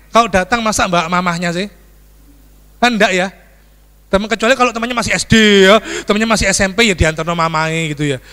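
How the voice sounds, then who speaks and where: A man's voice: sits high, clean tone. A man preaching a storytelling sermon as a pastor, acting out screams and dialogue for his congregation. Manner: animated, acts out screams and dialogue, addresses congregation as "saudaraku". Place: church sanctuary. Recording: church hall reverb.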